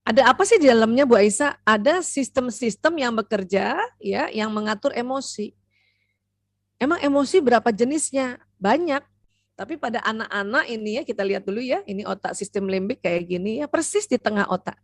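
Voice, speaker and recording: A woman doctor giving a seminar lecture to mothers, lively and talking straight to her audience. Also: on the high side, brisk, dry recording. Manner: lively, acts out parent and child voices; addresses the audience directly with frequent "ya".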